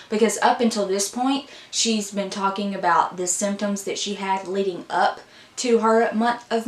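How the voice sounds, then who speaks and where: Chatty woman book vlogger in an echoey room. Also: medium pitch. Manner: upbeat and chatty, with fillers like "like". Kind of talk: casual chat. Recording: roomy echo.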